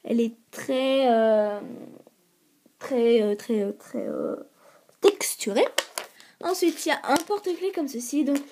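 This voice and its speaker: Hesitant, slightly hoarse teenage girl. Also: fairly high pitch, warm tone. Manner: hesitant, many fillers and repeated words. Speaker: video creator showing her polymer clay creations. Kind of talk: casual show-and-tell.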